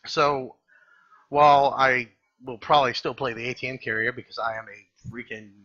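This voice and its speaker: A man giving casual, off-the-cuff game commentary in a rambling, halting way, often correcting himself and using blunt, salty slang. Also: mid-range voice, fairly even intonation, pushed and bright, lo-fi sound. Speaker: gaming video host.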